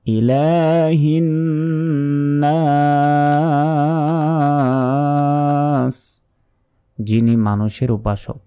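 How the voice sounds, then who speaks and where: A man teaching Quran recitation, explaining each sound slowly and chanting the verses in long drawn-out tones. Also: mid-range voice, mellow, dry recording, clean studio sound. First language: Bengali. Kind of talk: slow step-by-step recitation lesson.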